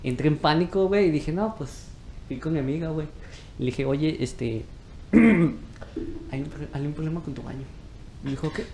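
A man's voice: a little high, expressive, normal speed, pauses often, warm tone, roomy sound, slight background noise. A young man with a Mexican accent, telling a crude story in casual chat, full of slang and laughing as he goes. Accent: Mexican Spanish.

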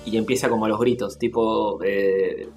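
A man's voice: on the low side, fairly even intonation, moderate pace, darkish tone, roomy sound, soft background music. A man with a Rioplatense Spanish accent, co-hosting a casual podcast and telling an anecdote with acted-out quotes. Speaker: podcast co-host. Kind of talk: casual storytelling chat.

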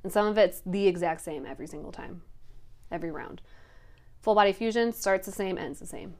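A woman's voice: lowish voice, a little fast, darkish tone. A woman hosting a fitness podcast, casually explaining a workout class format step by step and often checking in with her guest. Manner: explains step by step, often asks "you know what I mean". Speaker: podcast host and fitness instructor.

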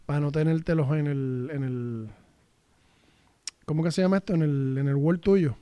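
A man's voice: fairly high pitch, normal speed, dark tone, clear, resonant tone, dry recording. A man in a casual chat, rambling and mixing in English words.

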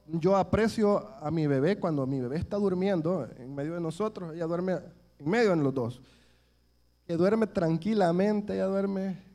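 A man's voice: high-pitched, mellow. A man, preaching a sermon and telling stories from his childhood in an earnest way, often calling his listeners brothers.

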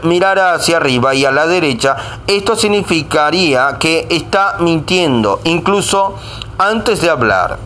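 Man, slightly high voice, reads self-help text aloud, stumbles and apologizes, faint noise. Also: bright, forceful tone. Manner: stumbles over words and says sorry.

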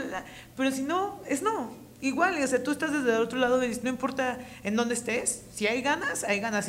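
A young woman with a Mexican accent co-hosting a podcast, talking in a lively, slangy way and laughing often. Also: on the high side, a little hiss or hum. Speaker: podcast co-host. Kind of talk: casual chat.

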